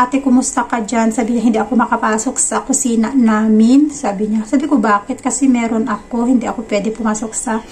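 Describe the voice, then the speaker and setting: A pregnant woman in her thirties with a high voice talks casually to her viewers and acts out what people said to her. There is a faint hiss of noise behind her. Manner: chatty, animated retelling with quoted dialogue. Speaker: vlogger.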